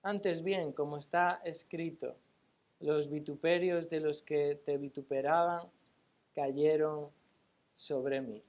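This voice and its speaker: A woman preaching a sermon in a church. She stresses points with rhetorical questions and reads scripture aloud slowly. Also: sits low, steady tone, darkish tone. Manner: emphatic, asks rhetorical questions and answers them.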